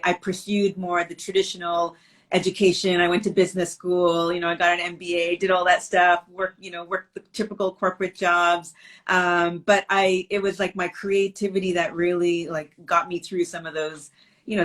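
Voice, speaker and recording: A middle-aged woman from Canada, a business owner chatting casually in an interview over a video call, with lots of fillers and restarts. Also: fairly low pitch.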